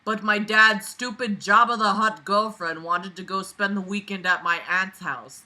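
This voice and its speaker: At normal speed and in a mid-range voice, this host reads a story and keeps interrupting it with sweary, disbelieving, theatrical remarks. She's full of animated outbursts and sarcastic asides.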